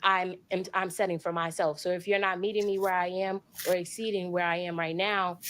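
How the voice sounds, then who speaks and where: A woman's voice: fairly low pitch, level tone, fairly quick, a bit bright. A woman in a casual discussion, giving earnest opinions with many fillers. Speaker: podcast guest.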